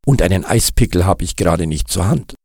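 A man's voice: low voice, expressive, fairly quick, a little mellow, husky, no echo, studio quality, heavily acted. A man voicing a teasing, easygoing snowman friend who jokes and reassures as he reads a storybook aloud. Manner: jokey and reassuring. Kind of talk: storybook reading.

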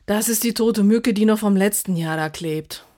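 A man's voice: high-pitched, normal speed, dark tone, voice pushed up, natural voice. A man voicing a sarcastic, sleepy woman, the narrator's partner, teasing and nagging in a humorous story reading.

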